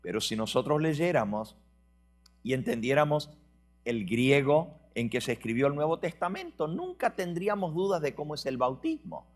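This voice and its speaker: High-voiced man preaching a sermon. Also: big pitch swings. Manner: teacherly, explains word meanings slowly; storytelling with acted dialogue. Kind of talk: sermon with a personal story.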